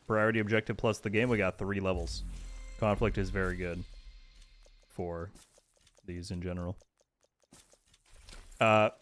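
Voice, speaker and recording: A man streaming a video game, chatting casually and thanking viewers by name. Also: fairly low pitch. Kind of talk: casual live-stream chat.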